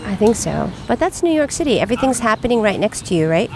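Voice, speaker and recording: A woman hosting a podcast outdoors in a city park, chatty and quick to laugh, a little tipsy. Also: fairly high pitch, very animated. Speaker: podcast host. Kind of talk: casual chat. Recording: clear street noise behind. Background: city traffic noise.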